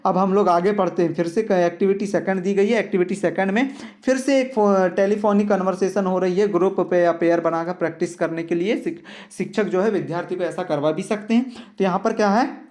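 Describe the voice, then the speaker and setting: A man's voice: high voice, steady tone, a little mellow. A man, teaching an English lesson to children and explaining each line patiently. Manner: slow, patient, addresses children directly. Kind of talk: reading an English worksheet aloud and explaining it in Hindi.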